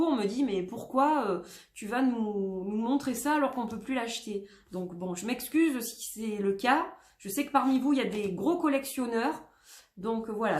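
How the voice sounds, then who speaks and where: A woman with a French accent chats casually about her tarot collection. She rambles and corrects herself, filling pauses often. Her mid-pitched voice bounces around a roomy, echoey space. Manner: chatty, rambling with many fillers and self-corrections. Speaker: tarot vlogger. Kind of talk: casual chat showing tarot decks.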